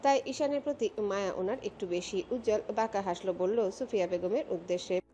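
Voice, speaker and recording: A woman narrating a romantic audio story in a steady, expressive storytelling voice. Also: medium pitch, fairly quick.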